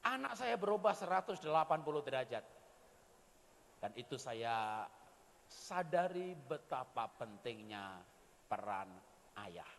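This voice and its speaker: A man's voice: mid-range voice, big pitch swings, unhurried, creaky, pauses often, fairly bright tone, slight background noise. A middle-aged man giving a parenting seminar talk, telling stories animatedly and acting out family quotes. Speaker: parenting speaker. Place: large event hall. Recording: reverberant hall.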